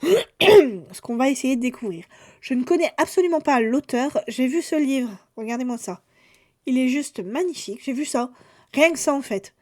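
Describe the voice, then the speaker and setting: A woman's voice: sits high, expressive, normal speed, a little mellow. A woman chatting casually through a book haul, summarizing plots with fillers and restarts. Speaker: book vlogger.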